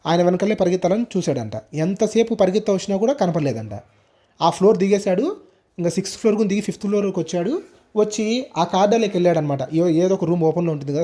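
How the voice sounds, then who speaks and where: Fast-talking man telling a ghost story. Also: high-pitched. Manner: animated, acts out quoted speech. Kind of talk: first-person ghost story narration.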